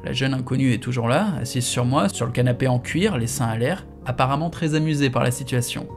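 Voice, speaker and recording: A man's voice: medium pitch, brisk, gravelly, soft background music. A man reading a novel aloud in the first person, in a casual, slangy storytelling manner. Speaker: audiobook reader.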